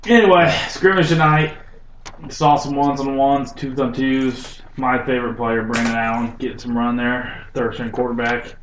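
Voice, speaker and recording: A man's voice: mid-range voice, steady tone, moderate pace, fairly bright tone, reverberant, poor audio. A young man co-hosting a casual sports podcast, joking and offhand. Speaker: podcast co-host.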